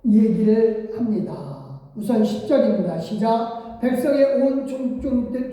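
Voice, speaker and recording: Woman pastor, animated sermon, dark mellow voice, long church reverb. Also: on the high side. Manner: animated preaching, acts out the voices of the people in the text. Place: church sanctuary. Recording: echoey hall, voice from far off.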